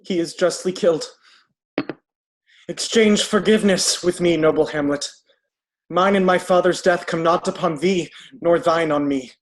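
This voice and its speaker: Man acting remorseful dying Laertes, slightly high. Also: normal speed, pauses often, lightly acted. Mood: forgiving. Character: dying, remorseful young noble swordsman. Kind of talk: Shakespearean stage acting.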